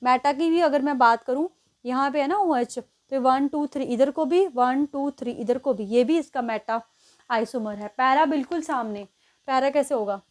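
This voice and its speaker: High-voiced woman teaching chemistry. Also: normal speed. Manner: explains step by step, counts positions aloud, often checks with "ठीक है". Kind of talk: exam-prep lesson at a board.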